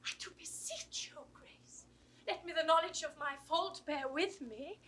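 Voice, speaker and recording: High-voiced, passionate British Rosalind. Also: female voice, a little slow, a bit bright, a little hiss or hum. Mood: defiant pleading. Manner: theatrical, impassioned, eloquent. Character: proud, passionate young noblewoman, the banished niece. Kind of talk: 1960s Shakespearean audio drama acting.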